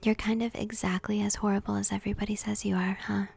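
A woman voicing a guarded teenage farm boy with a flat, dry delivery in a whispered role-play. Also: medium pitch, quick pace, gravelly, breathy edge. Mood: deadpan.

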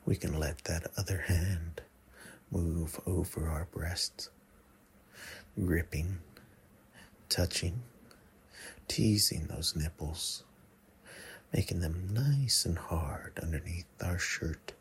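A man in an intimate ASMR role-play, murmuring breathily right into the listener's ear, coaxing and teasing with many pauses. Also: deep voice, a little hiss or hum. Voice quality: breathy, husky. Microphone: close mic.

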